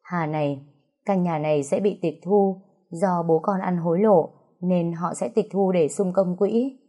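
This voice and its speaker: A woman voicing a grieving middle-aged mother who talks softly and with resignation. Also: fairly low pitch, unhurried. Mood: resigned.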